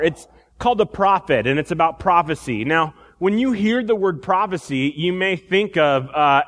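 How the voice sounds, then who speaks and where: Guy preaching into a pulpit mic, kinda high voice, big church hall reverb, chatty and restarts a lot. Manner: relaxed teaching tone, frequent restarts. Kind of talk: sermon. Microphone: pulpit microphone.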